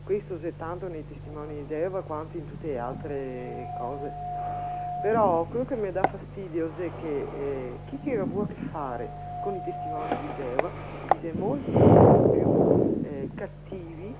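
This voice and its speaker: A man's voice: a little high, animated. Rambling man caller over the phone. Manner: halting, rambling, many restarts. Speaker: radio call-in caller. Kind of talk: casual call-in chat. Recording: muffled phone line, crowd noise.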